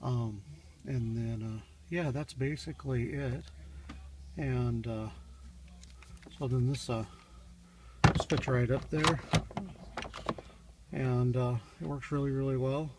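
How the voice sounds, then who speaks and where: In and around a car in a home garage, a hobbyist shows how to do a DIY task, speaking in a steady, mid-range voice. His explanation is off the cuff, halting, and rambling but matter-of-fact. The handheld phone moves as he films, so the mic is distant and noisy.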